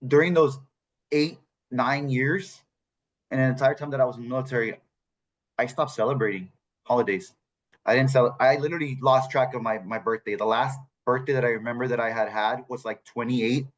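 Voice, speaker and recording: A man's voice: mid-range voice, brisk. A man in his forties, a veteran speaking on a panel, candid and joking about his own experience. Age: 40s. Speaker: veteran peer support panelist. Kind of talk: casual panel talk.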